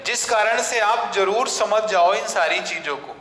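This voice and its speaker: A man teaching English grammar in a classroom lecture, repeating questions back to his students and answering them himself, and slipping into slow, deliberate English phrases. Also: high voice, animated, pushed and bright, reverberant, in a large hall, rough recording.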